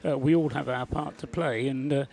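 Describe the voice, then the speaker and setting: A man's voice: medium pitch, steady tone, a little fast, creaky, a little mellow, a little hiss or hum. A man commentating on a live race broadcast and interviewing guests, chatty and full of hesitant fillers.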